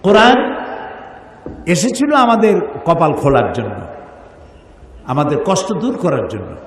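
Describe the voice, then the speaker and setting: A man preaching a sermon with fervent emphasis, asking the crowd questions and chanting sacred verses. His voice sits a little high and comes from some distance off the mic. It rings through a long, echoey hall over faint background noise. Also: very animated, a little slow. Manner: emphatic, rhetorical questions, chanted Arabic recitation.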